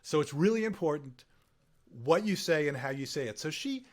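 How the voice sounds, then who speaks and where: A man in a casual conversation, a medical correspondent who tells lively stories and laughs often. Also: on the high side, moderate pace. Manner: lively storyteller who acts out quoted voices.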